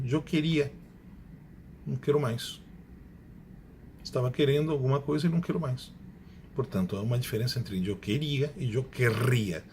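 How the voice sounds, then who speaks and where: A man's voice: mid-range voice, a little mellow, a little hiss or hum. Man teaching grammar. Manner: explanatory, repeats examples slowly, self-corrects. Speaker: Spanish teacher. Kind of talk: classroom grammar lecture.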